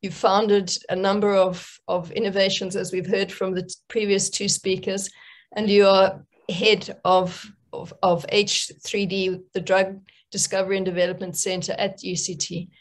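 A middle-aged woman moderating an online panel from a room at home over a video call, halting with fillers and repeated words. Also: medium pitch, flat delivery. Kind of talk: hosting a live online panel.

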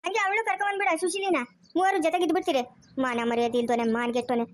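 A woman playing a shrill furious scolding wife. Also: animated, rapid-fire. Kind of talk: amateur family drama.

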